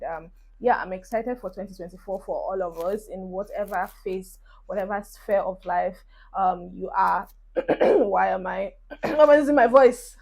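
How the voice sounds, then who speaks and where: In this relaxed get-ready-with-me vlog shot on a phone camera, a twenty-something woman with a Nigerian accent does her makeup and cheers on her viewers. She speaks at a medium pitch with a slightly mellow quality.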